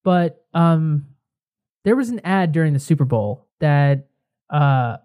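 A man's voice: a little high, lively intonation, slow, a little mellow. Male podcast co-host, tipsy, casual and rambling, joking his way along. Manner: rambling, jokey, many fillers. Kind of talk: casual chat.

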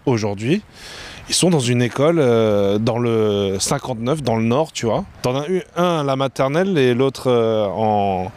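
Man, grew up in France, mid-pitched, casual slangy storytelling, interview guest. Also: measured pace. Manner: animated storytelling, informal slang. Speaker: guest entrepreneur.

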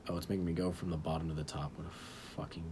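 A man's voice: low voice, little pitch movement, quick pace, background noise. A young man co-hosting a podcast, casual chat with crude, teasing humor. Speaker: podcast co-host.

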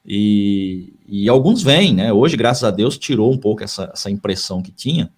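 A man's voice: on the low side, animated, moderate pace, darkish tone, breathy edge. A man who is a missionary pastor, talking in a casual podcast conversation, earnest and given to repeating his phrases.

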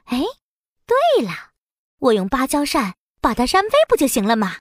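Bratty Princess Iron Fan, very high. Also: female voice, wildly swooping pitch, moderate pace, no room sound, studio quality, exaggerated voice. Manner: huffy, scolding, sulky. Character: haughty, bratty young female princess. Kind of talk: children's storybook voice acting.

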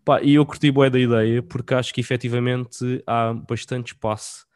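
A man's voice: medium pitch, fairly even intonation, moderate pace, a little mellow, dry recording, clean studio sound. A man with a European Portuguese accent chatting casually as a podcast co-host, in informal, slangy language. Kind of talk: casual chat.

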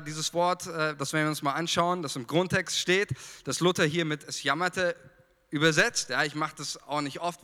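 A man from Franconia with a Franconian German accent preaching a lively sermon, talking straight to his congregation with fillers and humor. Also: on the high side, long reverb tail.

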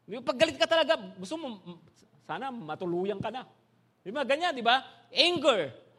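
A man with a Filipino accent preaching a sermon to a congregation, animated and full of rhetorical questions that check the listeners follow along. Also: very high voice, moderate pace, husky. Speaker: pastor. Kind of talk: bilingual sermon.

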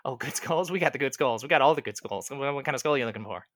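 A man voicing a jittery, overcaffeinated young male skull scavenger who stammers and fires off rapid questions. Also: mid-range voice, animated, a bit bright, no room sound, clean studio sound. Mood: manic.

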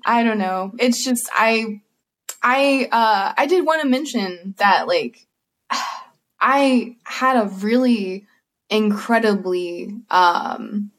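A woman's voice: fairly high pitch, animated, drawn-out words, long pauses, fairly bright tone. A woman, a guest energy healer on a video call, speaking earnestly about spirituality in casual chat and laughing often.

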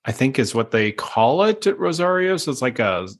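A man's voice: medium pitch, sing-song, moderate pace. A man hosts a casual interview, talking in a loose, friendly way. He rambles through asides and returns to the guest with enthusiasm. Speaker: host.

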